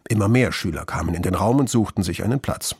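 A man's voice: deep voice, fast talker, a little mellow, husky. A man narrating a children's story expressively. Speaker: audiobook narrator.

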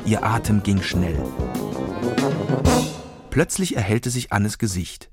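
A man calmly reading a children's story aloud as narrator, in an even storytelling manner. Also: lowish voice, slow pace, over loud music. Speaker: audiobook narrator.

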